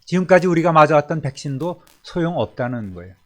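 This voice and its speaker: Male pastor preaching, a bit high-pitched, lifts lines with emphasis, then trails off soft and low. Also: expressive, fast. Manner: swings between emphatic rises and soft, low endings. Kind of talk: Sunday sermon. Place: church service.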